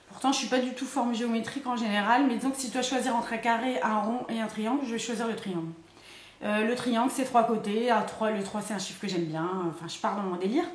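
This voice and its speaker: A young woman chatting casually to camera about her beauty purchases, rambling and laughing at herself with lots of fillers. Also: fairly high pitch. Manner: chatty, rambling, self-mocking with frequent fillers. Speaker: beauty vlogger. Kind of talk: casual haul chat to camera. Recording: echoey room.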